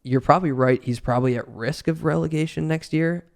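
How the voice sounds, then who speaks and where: A man co-hosts a laid-back fantasy football podcast, thinking out loud and restarting his sentences often. His voice is gravelly and fairly high, and he talks a little fast.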